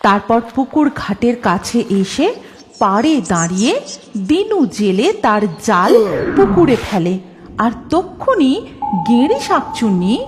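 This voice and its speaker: A woman's voice: on the high side, big pitch swings, measured pace, slight background noise. A woman narrating a scripted story as the storyteller. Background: music.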